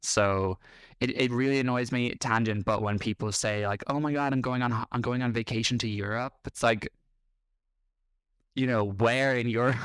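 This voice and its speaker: An Irish podcast host in his thirties reacts to clips bluntly, combatively and sarcastically. His mid-range voice is clear, resonant and a bit bright, with fairly even intonation at a normal speed. The studio recording is clean, with no room sound.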